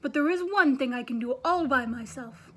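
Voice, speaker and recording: A woman's voice: high-pitched, normal speed, husky. A woman voicing grumpy storybook Toad. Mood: grumbling. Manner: loud, complaining storybook delivery. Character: grumpy, sleepy male toad who loves bed.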